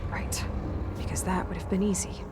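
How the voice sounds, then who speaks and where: Woman doing a defiant young hunter girl, dry sarcasm, lowish voice. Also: fairly even intonation, moderate pace, lightly acted. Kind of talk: video game cutscene dialogue. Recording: game audio with loud music behind.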